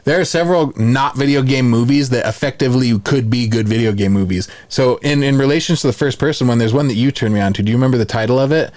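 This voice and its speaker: A podcast host with a mid-range, slightly mellow voice chats casually about films, sharing his opinions conversationally. He talks quickly with hardly any pauses.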